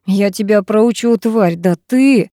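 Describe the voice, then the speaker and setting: A woman's voice: medium pitch, takes it slowly, mellow, no room sound, studio quality, natural voice. A woman voicing a crude, brutal male kidnapper who snarls lewd threats, in a storybook reading. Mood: menacing.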